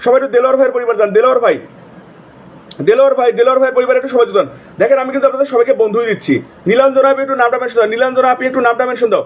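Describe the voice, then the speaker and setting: A man hosting a live stream, repeatedly calling out viewers' names in rapid, repetitive bursts. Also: very high-pitched, fairly even intonation, slightly rough. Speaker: livestream host. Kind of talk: casual live-stream shout-outs.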